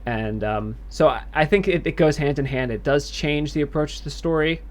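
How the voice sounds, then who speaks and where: A man's voice: fairly high pitch, moderate pace. Man explaining game development thoughtfully. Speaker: game developer answering questions. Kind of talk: livestream Q&A.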